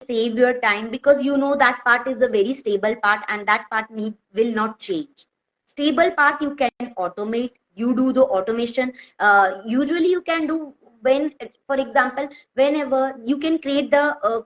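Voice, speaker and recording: A woman with a North Indian accent explaining informally with examples, in halting, repetitive phrases that she often corrects as she goes. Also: a little high. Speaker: software testing expert, guest speaker. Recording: dull, lo-fi audio.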